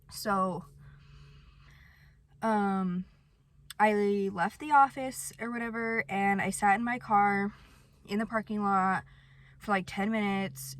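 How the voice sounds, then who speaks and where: A young woman vlogger with a medium-pitched, fairly bright voice chats casually with her viewers. She tells a personal story, sprinkling in lots of "like" and poking fun at herself.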